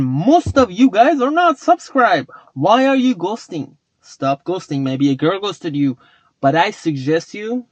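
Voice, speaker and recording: A vlogger who is not a native English speaker rambles to his chat and swears casually. His voice is high-pitched, and the recording sounds dry, dull and lo-fi.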